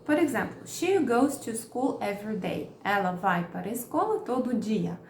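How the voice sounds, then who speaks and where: A woman's voice: on the high side, sing-song, moderate pace. A woman teaching an English lesson, carefully repeating each example sentence. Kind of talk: slow explanatory lesson. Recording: roomy with faint background noise.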